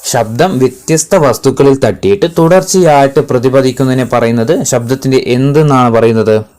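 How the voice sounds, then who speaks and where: A man reads exam-prep quiz questions at a middle pitch, saying each one twice. He then gives every answer slowly and firmly, like a tutor drilling students. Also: darkish tone.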